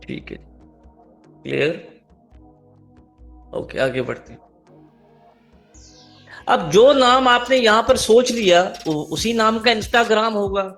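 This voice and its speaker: A man's voice: sits high, expressive, slow, long pauses, fairly bright tone, soft background music. Man teaching an online class. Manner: explains step by step, keeps asking students "clear?". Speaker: online marketing instructor. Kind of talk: live online class, teaching by screen share.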